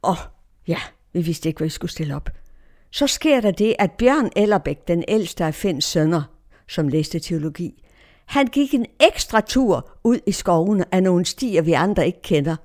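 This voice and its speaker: A woman's voice: lowish voice, expressive, a little mellow. A woman giving a personal faith testimony in an emotional way, her tone swinging widely.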